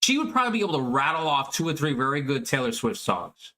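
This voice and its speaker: A man streaming, chatting casually and thinking out loud as he reacts to a clip. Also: a little high, sing-song, quick pace. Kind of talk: casual chat.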